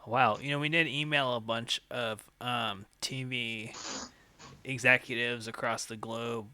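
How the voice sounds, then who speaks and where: A man co-hosting a comedy call-in show, playfully rambling through silly pitches. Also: steady tone, measured pace, sharp tone, clean tone. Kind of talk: improvised comedy talk.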